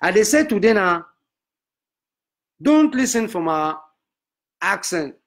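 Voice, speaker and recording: A man's voice: high-pitched, very animated, slow pace, fairly bright tone, heavily acted. A man playing a pompous male prophet who preaches in broken English with a Nigerian accent. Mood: preaching. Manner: broken English, declaiming sermon. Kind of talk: comic sermon.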